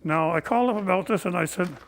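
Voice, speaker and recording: On a low-quality recording, a high-pitched older man talks fast though breathless from COPD. As a barber, he complains about his grievances in a folksy, indignant, plain-spoken manner.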